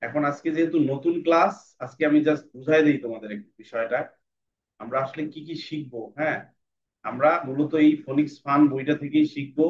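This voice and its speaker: Brief: male online teacher, slightly high voice, patient drill-style delivery, muffled distant call audio. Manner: patient, repeats letter drills slowly then quickly. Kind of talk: online class instruction. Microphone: video call.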